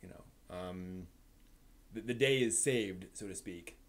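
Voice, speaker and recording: A man hosts a live stream, chatting casually and off the cuff in a rambling way that trails off. His voice sits low and moves at a measured pace, with a noisy room in the background.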